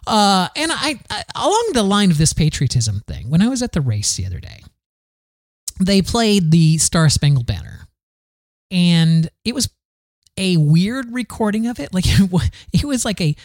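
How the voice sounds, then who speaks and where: A man's voice: high-pitched, very animated, normal speed, no echo, clean studio sound. A man from the American South hosting a podcast, talking in a candid, rambling solo monologue full of restarts. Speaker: podcast host.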